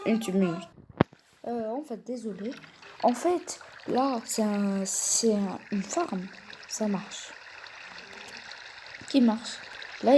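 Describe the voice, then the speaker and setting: A woman giving a casual, hesitant walkthrough of her game build, explaining each step to her viewers. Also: mid-range voice. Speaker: gamer showing a build. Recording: noisy home recording with clicks.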